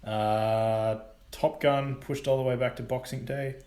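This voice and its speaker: An excitable young man talks movies as co-host of a casual chat show, his voice sitting at an ordinary pitch. His words jump from topic to topic, often with bursts of enthusiasm. The room gives everything a noticeable echo. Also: a little slow. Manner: animated, jumps between topics with bursts of excitement. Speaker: podcast co-host. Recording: roomy echo.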